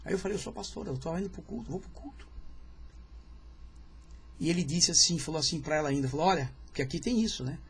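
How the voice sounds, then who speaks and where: A middle-aged male pastor preaching at a seminar in a conversational, storytelling way, often checking in with the audience and clearing his throat. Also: a little high, expressive, fast talker, pauses often.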